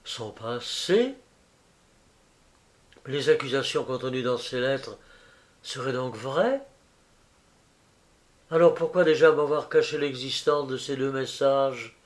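A man's voice: medium pitch, takes it slowly, long pauses, lightly acted. A man reading aloud as an anguished, insistent young woman, raising his voice in pleading emotion.

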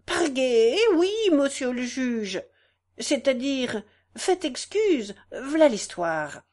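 Brief: woman reading as a shrill, fussy old country woman, high and singsong. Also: big pitch swings, extremely slow, darkish tone, heavily acted. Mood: fussing. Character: fussy old peasant woman pleading in court.

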